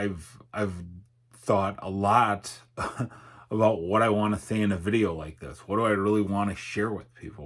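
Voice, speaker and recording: A middle-aged man with a lowish, husky voice talks in a candid, unscripted way. He pauses and feels for his words reflectively, and his articulation is slightly off from numbness on one side of his face. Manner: halting, reflective, hesitant. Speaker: YouTuber and podcaster. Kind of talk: candid personal vlog, unscripted.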